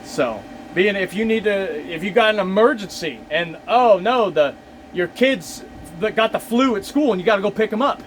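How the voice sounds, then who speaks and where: A man's voice: sits high, expressive, normal speed, a little hiss or hum. A man, a delivery driver, talking to camera in a casual, exasperated, profanity-heavy rant. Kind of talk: casual ranting monologue.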